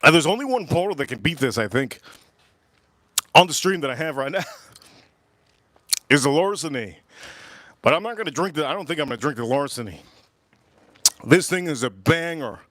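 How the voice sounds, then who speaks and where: A man from the United States chats casually on a whiskey-tasting livestream, enthusiastic and repeating phrases, with sighs and exclamations between sips. His slightly high, fairly bright voice has lively intonation at normal speed, and he pauses often. There's no echo.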